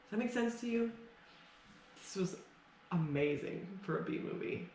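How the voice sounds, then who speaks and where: A woman's voice: mid-range voice, expressive, moderate pace, a little mellow. A tipsy woman in her thirties chatting casually and swearing freely as she co-hosts a film review, gushing and repeating herself for emphasis. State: tipsy, a little drunk. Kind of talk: casual, sweary couple chat about films. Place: open living and dining room at home. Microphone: camera mic a little way off on the table. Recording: roomy, distant mic, some background noise.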